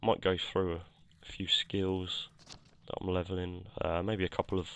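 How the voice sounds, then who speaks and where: A gameplay commentator talks casually over his game in a deep, monotone voice, relaxed and rambling. A cold leaves his throat croaky, and he fills gaps with "uh" and corrects himself mid-sentence, with many fillers. It sounds recorded on a headset at home.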